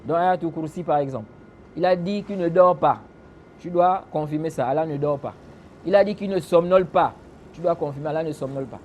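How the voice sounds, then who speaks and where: A man's voice: fairly high pitch, fairly quick, muffled recording, a little hiss or hum. A man giving a religious lesson in French. He explains a classical text, keeps asking rhetorical questions and answering them himself, and recites Arabic phrases along the way. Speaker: religious teacher.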